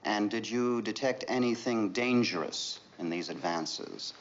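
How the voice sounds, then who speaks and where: Careful navy prosecutor, deep voice, muffled old tv sound. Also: male voice, slight background noise. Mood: probing. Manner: measured, hesitant questioning. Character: methodical male navy prosecutor. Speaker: prosecuting lawyer. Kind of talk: 1970s TV courtroom drama. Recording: dull lo-fi TV soundtrack.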